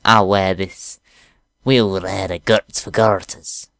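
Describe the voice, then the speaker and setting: A cheerful teenage girl barks pirate orders in a growly mock-bluster, read aloud by a man. The delivery is slow and unhurried, the tone smooth and clean. It sounds close and dry. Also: low-pitched, steady tone, fairly bright tone, no room sound, pitched below the performer's own voice, heavily acted. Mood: playful bluster.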